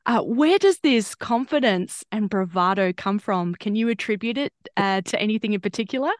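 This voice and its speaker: A woman's voice: medium pitch, lively intonation, moderate pace, no room sound, studio quality. A woman interviewing a guest, asking curious, encouraging questions with filler words along the way.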